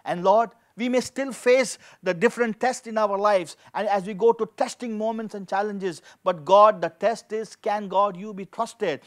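A high-pitched male pastor in his forties speaks at normal speed with few pauses. His sermon, featuring scripture reading and prayer, is emphatic, and he repeats key phrases for effect. The setting is an indoor studio with a dark backdrop, where he stands at a lectern holding a microphone.

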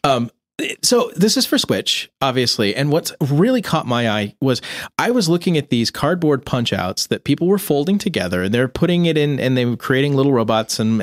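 A man's voice: medium pitch, big pitch swings, moderate pace. A man co-hosting a casual gaming podcast, joking around with playful asides. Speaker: podcast co-host.

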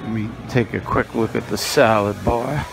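At a buffet restaurant, a food vlogger walks with his phone camera, casually narrating and musing on the food with frequent fillers. His voice is lowish and creaky, with a steady tone and moderate pace.

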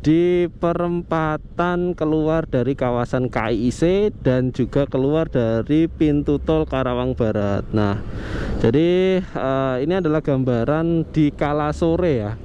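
Young man, fairly high voice, chatty motovlog narration, faint traffic hum behind. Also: slow pace, muffled recording. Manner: chatty, addresses viewers warmly as friends. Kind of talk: casual narration while riding. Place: on a motorcycle in heavy outdoor traffic.

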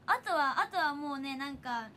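A woman's voice: sits high, lively intonation, moderate pace, sharp tone, slight background noise. A young woman with a Hiroshima accent chatting casually on a livestream, reading viewer comments and laughing often. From Hiroshima, Japan. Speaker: idol livestreamer.

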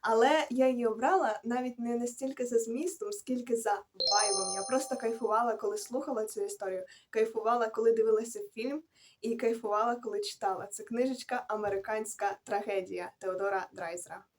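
A woman's voice: fairly high pitch, a little fast. A young woman rambling casually through her book reviews in a vlog, correcting herself and adding slangy asides as she goes. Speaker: book vlogger.

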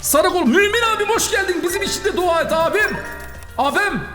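A man hosting a gaming channel, giving excitable, chatty commentary while he plays and talks to the customers in the game. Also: extremely high pitch, fairly quick, music in the background.

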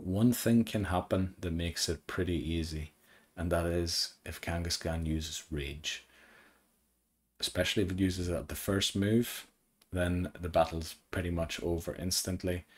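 Deep, monotone male let's-play commentator; calm, analytical, voice wearing thin. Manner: calm, analytical and low-key. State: losing his voice. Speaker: gaming commentator.

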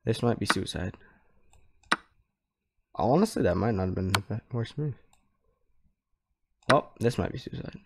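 Young male gamer, lowish voice, casual off-the-cuff commentary on his own play. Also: lively intonation, unhurried, gravelly, pauses often. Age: young adult. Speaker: chess player. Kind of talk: casual thinking-aloud game commentary. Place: small room at home.

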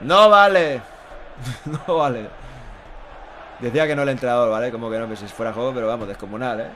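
A man's voice: mid-range voice, a little fast, fairly bright tone, a little hiss or hum. A man in his thirties with an accent from Spain gives live Spanish football goal commentary as a fan, emphatic, repetitive and exclaiming. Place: small indoor room at home.

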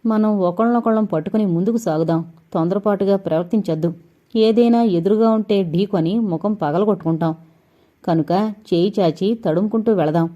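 A woman voicing a calm, steady young man who leads his friends, speaking slowly and firmly. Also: medium pitch, lo-fi sound, lightly acted. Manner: slow, measured, firm.

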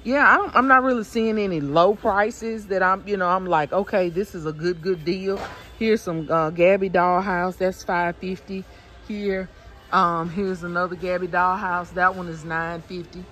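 A woman narrating casually while walking through a store, reading out prices with many ums, recorded on a handheld phone. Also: on the low side. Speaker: shopping vlogger. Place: indoors in a large store aisle. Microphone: handheld phone camera.

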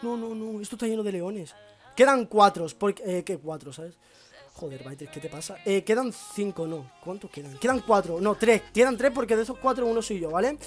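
A hoarse young man with a Spain Spanish accent, excitably commentating his own gameplay as a YouTuber, breaking into shouts and rambling. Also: sits high, fairly quick, soft background music. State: hoarse, sore throat. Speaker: gaming YouTuber.

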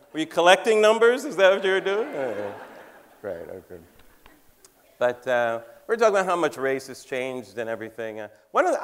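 A man in his fifties doing a wry, conversational comic talk on a theater stage, teasing the audience and laughing at his own jokes. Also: on the high side. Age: 50s. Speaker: comedian and cultural commentator. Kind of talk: stand-up style talk on stage. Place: large theater stage before a live audience.

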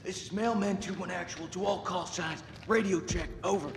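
A gravelly soldier on a walkie-talkie. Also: male voice, sits high, fairly even intonation, moderate pace, roomy sound, big-room sound, noisy background. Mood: urgent. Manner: clipped military radio procedure. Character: male soldier calling in over a field radio. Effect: speaking over a walkie-talkie radio.

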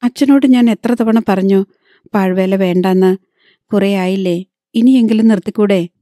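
A woman voicing a sad, patient young woman pleading gently with her father in an audiobook. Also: medium pitch, normal speed, no echo, clean studio sound, lightly acted.

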